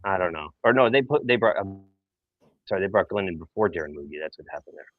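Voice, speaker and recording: Wearing a bag over his head, a tired podcast co-host rambles about sports early in the morning from a hotel room. He speaks fast in a low, expressive voice, full of fillers and restarts, and the audio is narrow and tinny.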